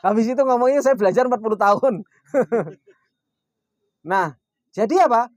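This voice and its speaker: A man teaching a religious study class. He asks rhetorical questions and answers them himself, and he slows down for Arabic quotes. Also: very high voice. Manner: keeps addressing listeners as "Pak"; slows down when reciting Arabic quotations. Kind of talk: Islamic study lecture.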